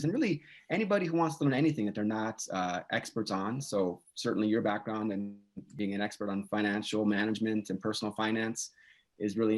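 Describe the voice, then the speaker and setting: A man co-hosting a podcast, talking casually with many fillers and self-corrections as he introduces a guest. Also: lowish voice. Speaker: podcast co-host.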